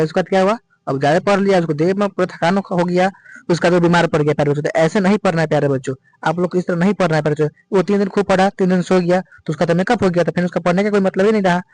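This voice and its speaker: A man's voice: sits high, dry recording, poor audio. A male teacher giving an exam-prep lecture, urging students and calling them dear children in nearly every sentence.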